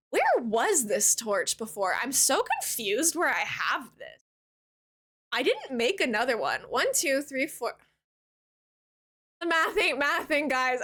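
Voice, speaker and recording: A woman's voice: high voice, a bit bright. A young woman from Canada chatting casually with her viewers while live-streaming a game, bubbly and giggly.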